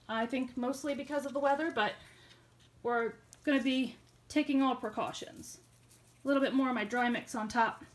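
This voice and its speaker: A young woman giving a casual how-to vlog about her worm bins, chatty and full of ums, a little out of breath. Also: high-pitched. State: slightly out of breath. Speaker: worm farming vlogger.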